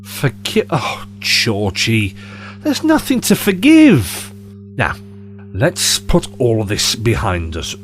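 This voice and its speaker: An actor playing a breezy, cheeky time-travelling adventurer in an audio drama, with a jaunty, theatrical, teasing manner. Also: male voice, medium pitch, wildly swooping pitch, slow pace, faint music behind. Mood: apologetic, then playful, eager.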